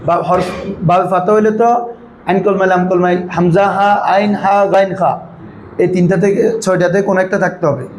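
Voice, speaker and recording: A male Arabic grammar teacher, drilling his students with quick questions in a patient classroom manner. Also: high voice, fairly even intonation, roomy sound, a little hiss or hum, rough recording.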